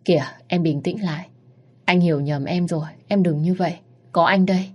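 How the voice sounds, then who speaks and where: A woman's voice: fairly low pitch, steady tone, brisk, dark tone, natural voice. Woman voicing a two-faced young husband. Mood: coaxing.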